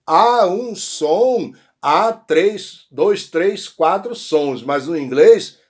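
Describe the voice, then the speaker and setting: A man with a Brazilian accent, teaching an English lesson and sounding out model phrases slowly, with frequent check-ins. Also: sits high, expressive. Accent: Brazilian Portuguese. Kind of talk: explanatory language lesson.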